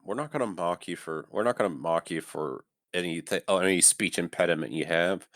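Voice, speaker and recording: Low-voiced man rambling casually, dry sound. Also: brisk, a bit bright, no room sound. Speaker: leads the group conversation. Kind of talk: casual group chat.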